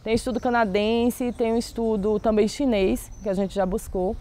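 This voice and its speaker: A woman's voice: fairly high pitch, steady tone, normal speed, dark tone. A woman researcher explaining findings in an informative interview.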